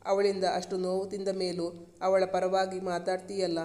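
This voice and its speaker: A man reading the part of a caring young husband in a storybook, speaking softly and earnestly. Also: high-pitched, monotone, moderate pace, natural voice. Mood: tender, reassuring. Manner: soft, soothing and earnest. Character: caring protective young husband, gentle but firm.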